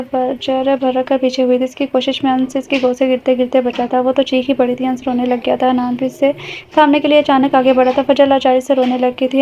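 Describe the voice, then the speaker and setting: Flat-toned woman reading a romance novel. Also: high-pitched, slight background noise. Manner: even reading with small slips and restarts. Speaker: audiobook narrator. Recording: dull lo-fi recording.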